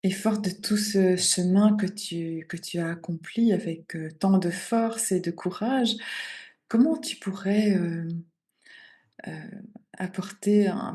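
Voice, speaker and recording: A woman hosting an interview, asking her guest questions in a gentle, hesitant way. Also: mid-range voice. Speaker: interviewer and channel host.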